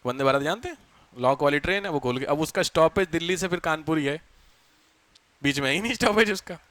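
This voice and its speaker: Male teacher, a little high, bright and forceful, dry close sound, chatty classroom lecture, quizzes students. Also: no room sound. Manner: chatty, tells anecdotes, asks students questions; dictates notes slowly.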